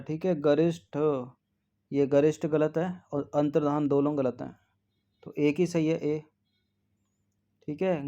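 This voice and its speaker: Man going through Hindi spelling answers, low-key. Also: warm tone, highs cut off. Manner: drills spellings slowly, repeats words, frequent "ठीक है". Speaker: Hindi exam tutor. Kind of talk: test-series answer walkthrough.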